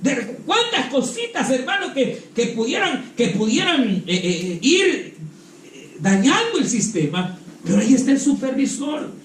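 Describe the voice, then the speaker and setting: A man's voice: very high-pitched, huge pitch swings, a little slow, slight background noise. A man preaching fervently at a church retreat, often calling out "hermano" and "aleluya" and repeating words as he searches for them. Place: church hall. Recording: echoey hall, mic at a distance.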